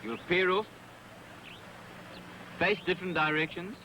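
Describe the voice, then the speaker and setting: A man's voice: high voice, fairly even intonation, a little slow, dull audio, a little hiss or hum. A man giving drill instructions as a karate instructor.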